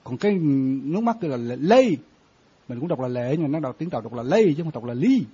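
A man's voice: fairly high pitch, big pitch swings, quick pace, warm tone, breathy edge. A man, a Buddhist monk giving a conversational dharma talk and often quizzing his listeners. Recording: dull lo-fi sound.

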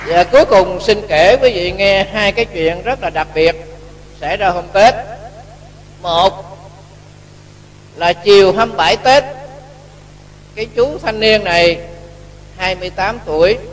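High-voiced monk preaching in an echoey hall. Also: male voice, a little slow, long pauses. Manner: lively storyteller, acting out dialogue. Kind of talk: sermon with storytelling. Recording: echoey hall with faint hum.

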